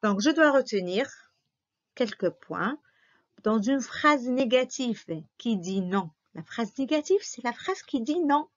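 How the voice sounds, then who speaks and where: A woman teaching a grammar review lesson, patiently repeating and spelling out each example. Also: a little high. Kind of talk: slow classroom grammar review. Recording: dull lo-fi recording.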